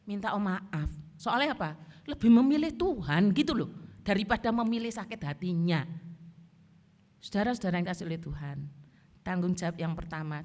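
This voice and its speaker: A woman pastor preaching a church sermon, telling stories in a lively way and mixing in phrases. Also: mid-range voice. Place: church service. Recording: long church-hall reverb.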